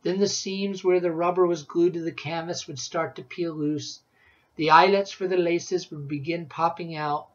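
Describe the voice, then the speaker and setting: A parent reading a humorous story aloud to their children, expressive and acting out the shouts and dialogue. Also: mid-range voice, highs cut off.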